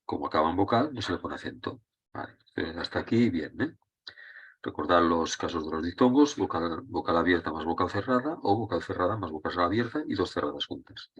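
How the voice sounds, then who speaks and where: A man with a very deep, husky voice teaches a Spanish grammar lesson. He explains rules patiently, step by step, pausing to check that his students are following. His delivery is conversational and unscripted. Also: expressive, fairly bright tone, dull audio.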